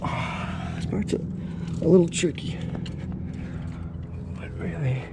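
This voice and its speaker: A young man muttering halting, slangy commentary to himself as he exerts himself rock climbing outdoors. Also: fairly high pitch. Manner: halting, talking to himself in short slangy phrases. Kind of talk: casual muttered self-commentary while climbing. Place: outdoors on a rock cliff face. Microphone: body-worn action camera. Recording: clear outdoor noise on action camera.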